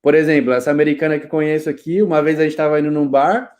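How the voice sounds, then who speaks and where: A Brazilian man in his thirties with a fairly high voice, chatting on a video call. He tells his stories in a loose, slangy, animated way and laughs easily. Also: very fast. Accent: Brazilian Portuguese. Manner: lively storyteller, slangy, laughs often. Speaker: guest, IT specialist. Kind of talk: casual interview chat.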